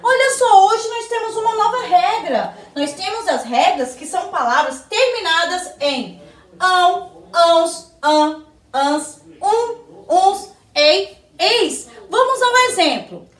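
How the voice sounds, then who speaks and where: A woman teacher with a Brazilian Portuguese accent giving a recorded lesson to young children, slowly asking questions and answering them herself. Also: very high voice, big pitch swings, a bit bright, distant mic. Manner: slow, sing-song teacher talk, answers her own questions. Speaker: primary school teacher. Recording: echoey room, slightly off-mic.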